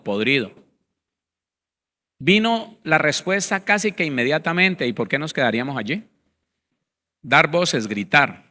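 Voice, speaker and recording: A man's voice: fairly high pitch, pushed and bright. A male pastor teaching a Bible seminar, reading word definitions aloud and speaking to his listeners directly, with emphatic repetition.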